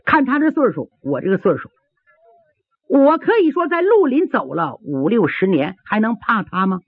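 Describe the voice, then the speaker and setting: A woman's voice: mid-range voice, sing-song, normal speed, breathy edge, no echo. Old male martial arts hero, proud and blunt, as a woman storyteller puts him on; dry, phone-thin radio sound. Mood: puzzled. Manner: blunt, self-assured. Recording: tinny old radio broadcast.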